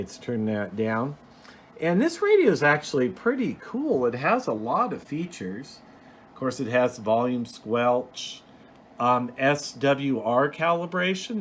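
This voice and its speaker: Speaking in a medium-pitched, slightly bright voice, a man hosts an unscripted hobbyist show-and-tell. His explanations are casual, rambling and plain-spoken, and background noise is clearly audible.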